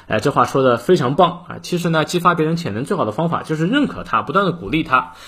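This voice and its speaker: Husky man teaching English phrases. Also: on the high side, expressive, pushed and bright. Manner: explains word by word, then reads aloud slowly. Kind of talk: morning English reading lesson.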